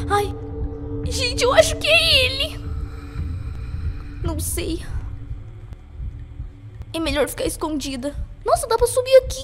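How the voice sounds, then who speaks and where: A woman voicing a sporty, easily frightened young female pony in a game, with a Brazilian Portuguese accent, talking jittery and squealing while playing. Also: very high voice. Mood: tense whispering. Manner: jittery, squealing and shrieking when scared. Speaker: gaming youtuber. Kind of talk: let's play commentary in character. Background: game music.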